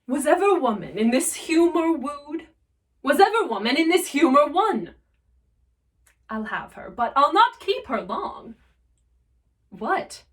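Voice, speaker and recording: Lady doing a scheming shakespeare villain guy, theatrical and self-mocking, slow drawn-out lines, bit far from mic. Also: high voice, very animated, a bit bright, full character voice. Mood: gloating disbelief. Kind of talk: classical Shakespearean stage soliloquy. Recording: voice distant from the mic.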